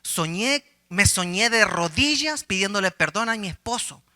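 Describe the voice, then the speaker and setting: A man's voice: high-pitched, lively intonation, moderate pace, bright, forceful tone, dry recording, studio quality, full character voice. A man voicing a frightened churchgoing woman who anxiously confesses her dreams to her pastor in a joke. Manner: anxious, pleading.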